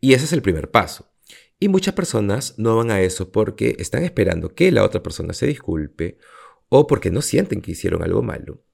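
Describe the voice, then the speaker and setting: A man speaks alone on his podcast, offering sincere coaching advice and pausing often on fillers. His voice sits very low, with a heavy gravelly fry and a husky edge. His pitch moves a lot as he talks. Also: big pitch swings, darkish tone. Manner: earnest, reflective advice-giving with frequent fillers. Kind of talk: solo podcast monologue.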